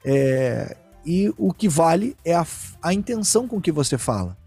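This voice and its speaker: A man hosting a casual chat, telling stories in a slangy, animated way and acting out the quotes. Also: fairly high pitch, normal speed, breathy edge, faint music behind. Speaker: streamer and podcast host.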